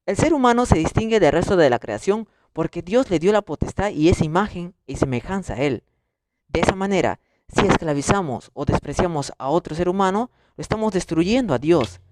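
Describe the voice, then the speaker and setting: A man's voice: high-pitched, lively intonation, fairly quick, darkish tone. A young man presenting a read-aloud summary of a theology reading, going through numbered points one by one. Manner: reads from notes, lists points one by one.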